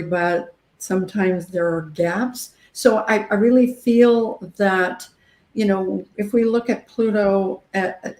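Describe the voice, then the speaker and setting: A woman's voice: mid-range voice, a little mellow. A woman, a guest astrologer on a video call, talking reflectively and sometimes losing her thread, her line echoing as if she were in a cave. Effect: cave-like echo on her line. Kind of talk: casual group chat on a video call. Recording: echoey video call audio.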